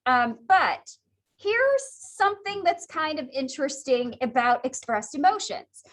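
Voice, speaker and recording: A woman's voice: high-pitched, lively intonation, unhurried, a bit bright. A woman teaching a psychology class in a chatty, conversational lecture style, laughing often. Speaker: psychology instructor.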